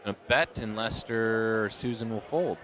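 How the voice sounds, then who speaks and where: A man giving live poker commentary as a tournament commentator, calling the play in a measured, unhurried way with pauses. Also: fairly low pitch, a bit bright, some chatter behind.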